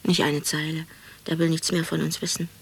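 An actress playing an anxious, pleading, embittered mother in a radio drama, speaking intimately and often hushed. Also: low-pitched, level tone, brisk, gravelly, slight background noise. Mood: bitter. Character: anxious, pleading, bitter mother of a withdrawn son. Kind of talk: naturalistic German radio drama.

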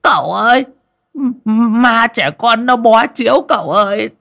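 A man voicing a fawning, panicky middle-aged male village medium, wailing high and strained. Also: big pitch swings, slow pace, pushed and bright, heavily acted.

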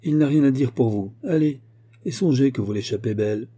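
A severe elderly banker hands down his judgment in a commanding tone, read by a man. The voice is very dark and slightly husky. He sounds unforgiving. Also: mid-range voice, fairly even intonation, normal speed, close to an everyday voice.

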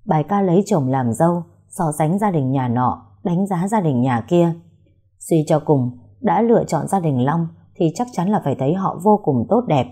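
A woman narrating a story in a measured, even reading voice. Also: sits low, slightly rough.

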